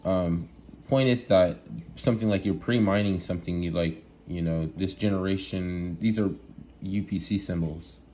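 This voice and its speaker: A man talking through an idea in a rambling, excitable monologue, full of restarts and asides, laughing at himself now and then. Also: low-pitched, normal speed, a little hiss or hum. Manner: rambling, restarts often, lots of fillers and "right?". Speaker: solo vlogger.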